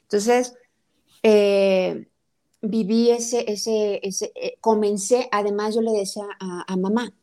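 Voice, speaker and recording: A woman in her forties speaks as a guest therapist. Her voice is warm and mellow. She tells her own story earnestly, in short halting pieces with many fillers. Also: mid-range voice, steady tone. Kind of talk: reflective personal testimony.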